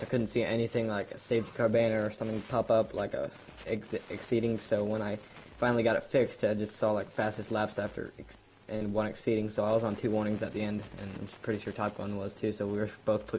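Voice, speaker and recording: A man, a racing league driver, talking hoarsely and ruefully in a post-race interview. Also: on the low side, little pitch movement, quick pace, a little mellow, a little hiss or hum. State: hoarse from yelling. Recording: muffled lo-fi voice chat.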